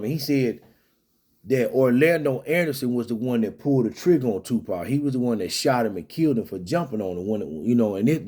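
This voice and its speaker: A man's voice: medium pitch, warm tone. A man talking through a story in casual solo commentary, rambling with many restarts and fillers.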